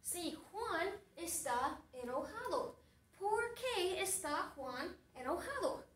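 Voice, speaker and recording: A woman teacher tells a story to her class, speaking very slowly and deliberately and stopping to ask questions. Her voice sits high. The recording is roomy and echoey, as if she is standing a little back from the mic. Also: very animated, a bit bright, far from the mic. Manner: slow and deliberate, asking the class questions and recapping. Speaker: Spanish teacher. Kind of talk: slow storytelling lesson for a class.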